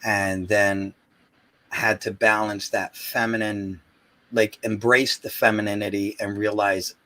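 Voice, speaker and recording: A man talking as a guest in a casual interview, halting and searching for his words. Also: fairly low pitch, level tone, bright, forceful tone.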